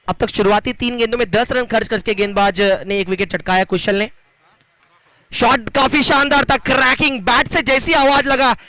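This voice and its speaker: A man gives live cricket commentary and announcements in a dramatic, flowery manner with drawn-out emphasis. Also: sits high, sharp tone, dry recording, rough recording.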